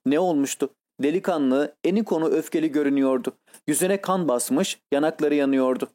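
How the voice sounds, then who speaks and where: A man narrating a classic novel as an audiobook in a measured, literary reading style. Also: a little high, mellow. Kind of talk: scripted narration.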